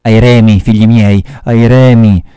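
A man's voice: low voice, little pitch movement, unhurried, smooth, no echo, studio quality. A man reading the part of an obsessed, vengeful old sea captain in a read-aloud story, calling out orders and cursing. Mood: urgent. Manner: shouting commands, grieving and defiant.

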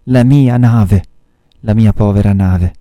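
A man's voice: low-pitched, flat delivery, a little slow, smooth, no echo. A man reading the part of an obsessed, vengeful old sea captain in a read-aloud story, calling out orders and cursing. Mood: lamenting. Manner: shouting commands, grieving and defiant.

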